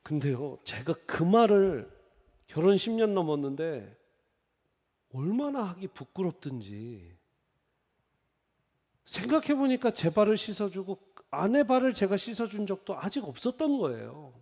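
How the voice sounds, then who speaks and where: A male pastor preaches with a fairly high voice that rises and falls widely as he tells stories. He acts out the people he quotes. A long reverb fills the church behind him. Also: measured pace. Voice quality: lively storytelling with quoted voices. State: on crutches after leg surgery. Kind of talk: sermon. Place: church sanctuary.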